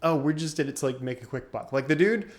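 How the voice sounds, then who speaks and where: This young male podcast co-host talks fast in a fairly high voice. His casual chat is animated, full of laughter and acted-out quotes.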